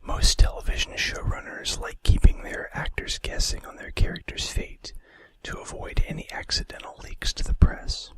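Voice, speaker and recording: With few pauses and a moderate pace, a male ASMR host reads facts in a soft, breathy whisper into a close mic. He adds casual, hesitant remarks along the way.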